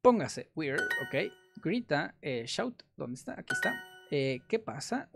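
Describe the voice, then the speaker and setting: A man's voice: a little high, big pitch swings, measured pace, creaky, loud music behind the voice. A young adult man translating a language-app story aloud as host, chatty, with jokey asides and frequent fillers. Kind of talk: casual commentary while translating.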